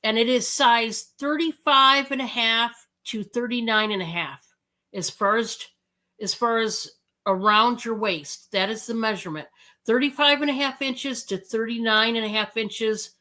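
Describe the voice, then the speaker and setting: An American woman hosting a live sales stream, chatting casually and slowly with many fillers. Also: on the high side, sharp tone.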